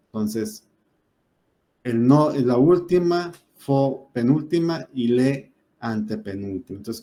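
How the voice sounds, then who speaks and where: A man's voice: mid-range voice, mellow. A man teaching a spoken lesson on rules, explaining step by step with frequent fillers and self-corrections.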